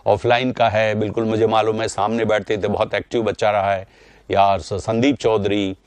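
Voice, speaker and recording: A man's voice: on the low side, flat delivery, moderate pace, darkish tone, no echo. Middle aged guy teaching grammar live online, reads out student names, repeats examples, dry close mic. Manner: greets students by name, explains by repeating examples.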